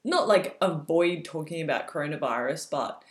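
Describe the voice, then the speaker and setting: Upbeat woman co-host, slightly low voice, echoey room. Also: lively intonation, moderate pace. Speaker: podcast co-host. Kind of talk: casual chat.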